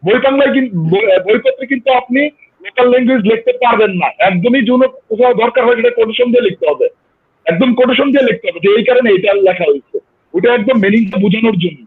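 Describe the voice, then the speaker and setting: Man, Old Dhaka accent, panel guest. High, quick, husky delivery over a tinny line, insistent and stammering. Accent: Old Dhaka Bengali. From Bangladesh. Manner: insistent, talks over interruptions, stammering restarts. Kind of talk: heated panel debate.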